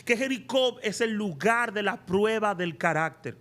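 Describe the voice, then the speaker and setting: A man's voice: high-pitched, lively intonation, a little slow, pushed and bright. A man preaching a sermon as a prophet and teacher, asking emphatic rhetorical questions. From Latin America.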